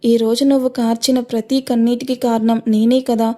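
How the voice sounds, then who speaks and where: A woman voicing an affectionate elderly grandmother in an audio story, gently coaxing. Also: on the high side, level tone, moderate pace, natural voice. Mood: tender.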